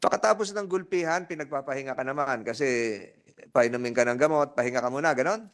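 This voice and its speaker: A man's voice: medium pitch, fast. A man chairing a hearing, probing a witness and repeating and rephrasing his questions. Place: legislative hearing room.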